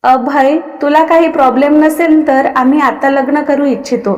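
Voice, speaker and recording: A woman's voice: high-pitched, steady tone, normal speed, natural voice. A woman voicing an angry, domineering young husband who speaks in a commanding tone, recorded with long reverb. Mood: stern commanding. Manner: commanding, uses royal "we".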